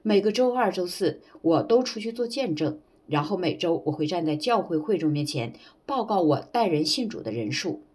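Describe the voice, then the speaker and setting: A woman with a low, husky voice preaches a sermon. Her pitch swings widely as she makes each point. She speaks earnestly and cites scripture references as she goes. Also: lively intonation, normal speed, hardly any pauses, a little mellow.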